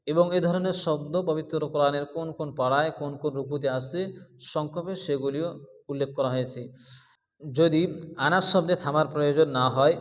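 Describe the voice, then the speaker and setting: A man's voice: on the high side, long reverb tail. A man teaching Quran reading in a patient, step-by-step blackboard lesson, who explains each point and then asks the class questions.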